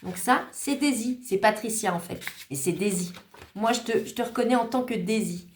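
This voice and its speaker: A woman's voice: fairly high pitch, moderate pace, a little hiss or hum. A woman hosting a craft channel, casually showing cards she was sent and thanking each maker in a chatty, grateful way with small hesitations. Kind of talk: casual show-and-tell of cards. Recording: echoey room.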